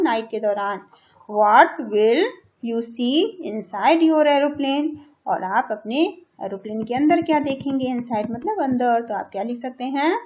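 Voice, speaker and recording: A woman's voice: fairly high pitch, darkish tone. A woman teaching a children's English lesson in Hindi, patiently repeating words and asking questions that she answers herself. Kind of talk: slow classroom lesson explaining English in Hindi. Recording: dull lo-fi sound.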